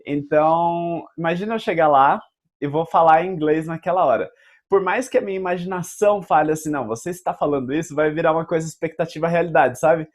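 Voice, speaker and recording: A man's voice: fairly high pitch, fairly even intonation, fairly quick. A man with a Brazilian Portuguese accent, hosting a casual debate and explaining his point patiently with examples. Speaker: host.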